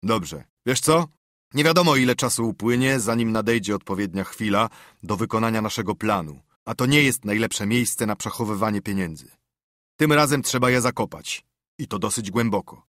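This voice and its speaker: A man voicing a vengeful, scheming outlaw in an audiobook, curt and threatening, with a husky voice. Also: fairly low pitch, moderate pace, fairly bright tone, dry recording, studio quality, lightly acted. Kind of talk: audiobook character voice.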